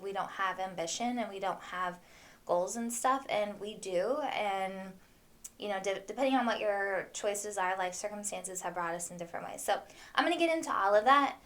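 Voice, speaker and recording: Female podcast host, mid-pitched voice, informal solo chat, thinks out loud in a conversational way. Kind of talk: casual solo podcast talk.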